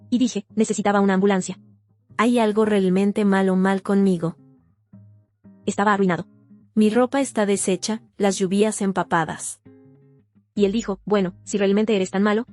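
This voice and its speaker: Woman telling her own story in a voice-over, soft mellow tone, calm and steady, quiet guitar behind. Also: medium pitch. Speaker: narrator of a personal near-death testimony. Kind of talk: first-person testimony voice-over. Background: faint guitar music.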